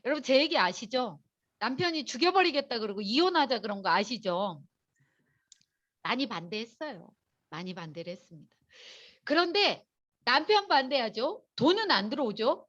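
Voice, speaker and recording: A woman lectures an audience with chatty, animated storytelling, her voice high and swooping up and down. She talks straight to the listeners in a motivational seminar. The recording is dull and lo-fi. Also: moderate pace.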